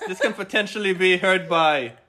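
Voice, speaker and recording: A man's voice: high voice, normal speed, crowd noise. A young man hosting a casual podcast chat with his clients, rambling with lots of filler words. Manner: rambling, lots of "like" and "you know". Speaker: podcast host and personal trainer. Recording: loud background noise.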